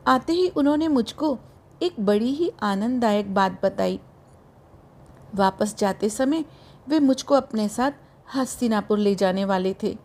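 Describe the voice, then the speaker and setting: A woman narrating a novel in the first person, in a slow, measured, literary reading. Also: a little high, mellow. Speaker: audiobook narrator. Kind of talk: scripted audiobook narration.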